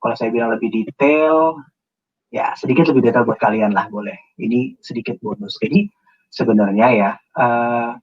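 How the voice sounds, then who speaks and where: Husky man on distant muffled audio. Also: medium pitch, moderate pace. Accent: Indonesian. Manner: animated, acts out example phrasings. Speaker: guest speaker. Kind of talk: explaining interview tips in a webinar.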